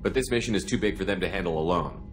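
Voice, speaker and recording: A man playing a calm, resolute military commander in a video game, firm and businesslike, with music behind him. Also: deep voice, very fast, close to an everyday voice.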